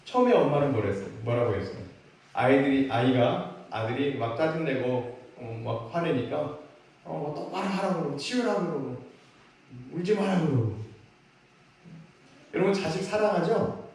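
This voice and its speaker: Man, pastor, expressive preaching, booming hall reverb from a distant mic. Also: moderate pace. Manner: animated, acts out parents' lines and leads the congregation in call-and-response. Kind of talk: sermon. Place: large church sanctuary. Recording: echoey church hall, distant mic, faint noise.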